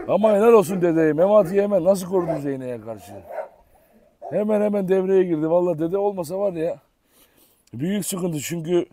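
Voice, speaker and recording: A man's voice: a little high, mellow, a little hiss or hum. A man talking frankly and wearily to his viewers in a casual vlog, outdoors in a yard full of dogs. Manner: weary, frank, speaks straight to viewers. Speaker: vlogger and dog keeper.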